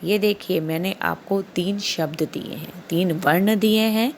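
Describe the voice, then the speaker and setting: A woman's voice: medium pitch, unhurried, darkish tone, slight background noise. A woman teaching a recorded Hindi lesson to small children, stretching out each syllable and repeating every word twice for them to copy. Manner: addresses the children often, asks them questions. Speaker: primary school teacher.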